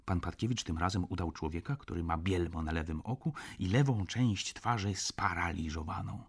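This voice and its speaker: A man narrating a literary audiobook in an expressive, theatrical way. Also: low-pitched, normal speed, breathy edge.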